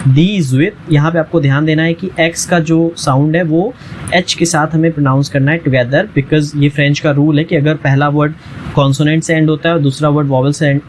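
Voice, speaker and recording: A man teaching a language lesson, a little higher-pitched than most men. He repeats each word slowly and patiently and keeps checking that the listener is following. There is faint noise in the background. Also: rough recording. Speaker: French teacher. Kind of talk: language lesson explained in Hindi.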